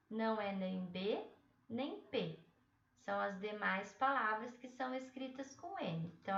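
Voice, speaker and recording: A woman teacher slowly walking children through a spelling exercise, explaining step by step and checking in often to see if they follow. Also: a little high. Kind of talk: slow, patient spelling lesson for children. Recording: roomy, dull sound, distant from the mic.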